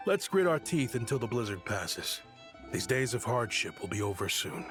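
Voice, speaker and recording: A man's voice: on the low side, very animated, normal speed, music in the background. An actor playing a hopeful adult male villager in a video game, speaking earnestly and reassuringly. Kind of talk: game character dialogue.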